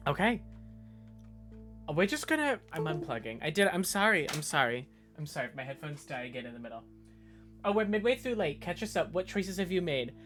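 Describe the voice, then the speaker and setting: A suburban Boston woman with a light Boston accent chats casually with her stream chat, rambling through restarts. Her voice sits low yet sounds fairly bright, with big pitch swings and a slightly fast pace, over faint background music.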